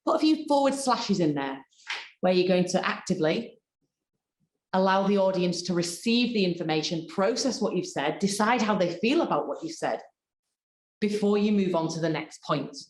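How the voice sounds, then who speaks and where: Roomy-sounding woman coaching on delivery. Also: medium pitch. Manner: expressive, deliberate, coaching tone. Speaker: personal development coach. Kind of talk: workshop presentation. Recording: roomy echo.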